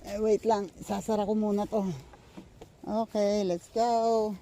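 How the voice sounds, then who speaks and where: Slow and flat, an older woman's medium-pitched, dark voice comes through with a little hiss or hum. She's vlogging outdoors in the countryside, breathless from walking, rambling with fillers and restarts as she chats and thanks her supporters.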